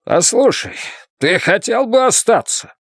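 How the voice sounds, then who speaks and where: A man reading an audiobook, voicing a gruff older farm boss who speaks bluntly and haltingly. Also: on the high side, big pitch swings, dry recording, studio quality, voice pushed up, exaggerated voice.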